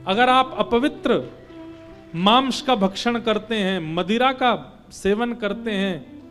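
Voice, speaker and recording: A man's voice: high-pitched, takes it slowly, fairly bright tone. A man giving a devotional sermon as a preacher, emphatic and rising into fervent appeals. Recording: faint instrumental music behind.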